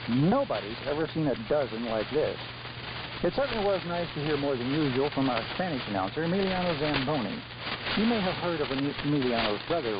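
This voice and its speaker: A man delivers announcements in the manner of an old-time radio show, with mock-formal phrasing and deadpan jokes. His voice sits fairly high and swings lively up and down. It reaches the listener through a dull, muffled shortwave broadcast buried in loud static. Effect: heard over a shortwave radio broadcast.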